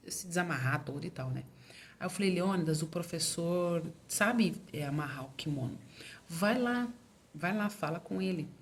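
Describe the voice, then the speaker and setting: A young adult woman, a mother, telling viewers a personal story in a casual way, raising her voice when she acts out what others said. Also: slight background noise. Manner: animated retelling, acting out quoted lines with raised pitch.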